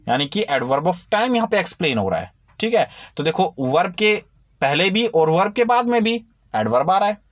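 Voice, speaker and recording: A man teaches a grammar lesson in a fairly high voice, explaining step by step and checking that the viewer keeps up. The recording is dry and close. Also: dry recording.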